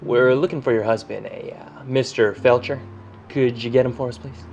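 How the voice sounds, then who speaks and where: A man's voice: mid-range voice, fairly even intonation, moderate pace, darkish tone, muffled recording, slight background noise, natural voice. An actor playing a nervous young male actor who stammers and hesitates. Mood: stiff.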